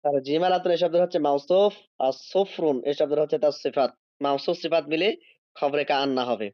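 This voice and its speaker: Man, teacher, online Arabic grammar lesson, slow drawn-out word reading, fairly high voice, dull dry audio. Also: dry recording. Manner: explains step by step, checks if students follow. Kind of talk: online class lecture.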